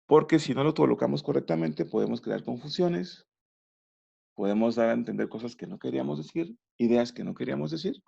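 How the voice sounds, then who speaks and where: A man's voice: medium pitch, gravelly, warm tone, slightly rough. A man who patiently explains grammar rules in a remote lesson, often stopping to check that students follow. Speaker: teacher. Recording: dull lo-fi recording.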